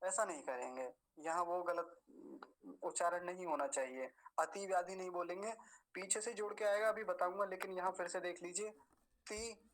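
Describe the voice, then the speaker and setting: A man teaching Sanskrit pronunciation, speaking slowly and deliberately, stretching out syllables to show how each sound should be said, with a patient, explaining manner. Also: high voice, low-quality recording. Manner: slow and deliberate, drawing out syllables to demonstrate them; patient, explanatory, with gentle chuckles. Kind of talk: pronunciation lesson.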